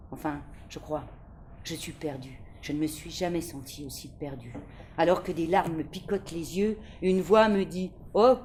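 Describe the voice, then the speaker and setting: An actress reads a novel aloud in the first person, intimate and measured. Her voice sits fairly low. A faint hiss runs under the recording. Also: dark tone. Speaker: actress giving a reading.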